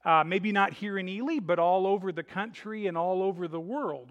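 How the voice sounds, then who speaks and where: A man preaching a sermon as pastor, chatty and joking at times, earnest when preaching. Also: high voice. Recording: reverberant hall.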